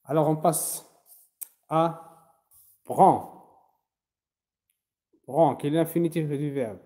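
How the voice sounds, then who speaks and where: A man teaching French to his class, slow and patient, spelling verb endings out letter by letter. His voice is dark and mellow, and he takes his time over every word. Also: a little high. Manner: switches between French and Arabic to explain. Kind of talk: online language class.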